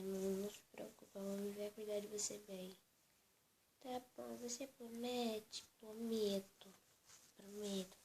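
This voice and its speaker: A woman doing a doll role-play vlog as a mother, speaking softly and often in a whisper. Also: medium pitch, a little hiss or hum, rough recording. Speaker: vlogger.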